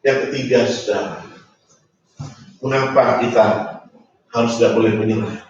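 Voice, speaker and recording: A man's voice: mid-range voice, normal speed. A man preaching a sermon in a church hall, repetitive and emphatic, with frequent call-outs to the congregation. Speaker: pastor. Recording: echoey church hall, distant mic, dull.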